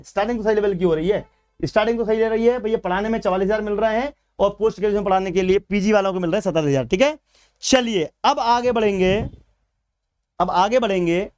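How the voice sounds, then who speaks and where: Male coaching teacher, Madhya Pradesh Hindi accent, high, clean voice, chatty live-class delivery. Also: fast talker, darkish tone. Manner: chatty, addresses viewers as beta and bhaiya. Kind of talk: live exam-prep class.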